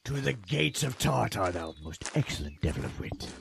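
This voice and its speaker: An actor playing a boisterous drunken old knight who talks in a gleeful, conspiratorial way. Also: male voice, fairly low pitch, big pitch swings, moderate pace, creaky, background noise, exaggerated voice.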